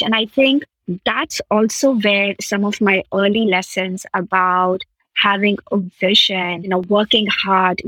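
This woman, Indian by origin and raised in Qatar, is a podcast guest in a reflective conversational interview, describing her past earnestly and enthusiastically in long flowing sentences. Her voice is medium-pitched and a bit bright, on a dry, rough recording.

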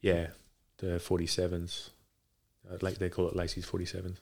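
A man's voice: low-pitched, monotone, moderate pace, gravelly, a little hiss or hum. A man in a casual chat as a guest, talking in a hesitant, rambling way. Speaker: podcast guest, boxing coach. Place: home garage.

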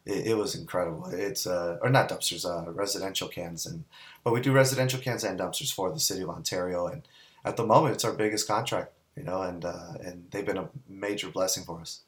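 A man's voice: low voice, brisk. A man telling a long, rambling anecdote in a casual chat, full of restarts and quoted dialogue. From Southern California. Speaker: guest business owner. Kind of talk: casual storytelling.

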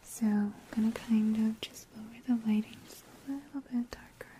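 A woman whispering softly and calmly through an ASMR exam roleplay, guiding the listener step by step. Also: a little high, slight background noise. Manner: soft unvoiced whisper, slow and calm.

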